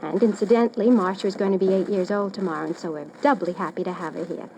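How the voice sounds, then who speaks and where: Speaking quickly in a steady, medium-pitched voice with a darkish tone, this quizmaster hosts a children's radio quiz. Her address to the audience is formal and carefully phrased, and she's in a radio studio. The sound comes from a noisy old radio broadcast.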